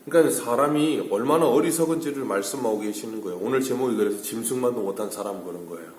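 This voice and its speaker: Korean pastor preaching in an echoey church. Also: male voice, medium pitch, fast talker, a little mellow. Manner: asks the congregation questions and answers them himself. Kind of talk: early-morning sermon. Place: church sanctuary.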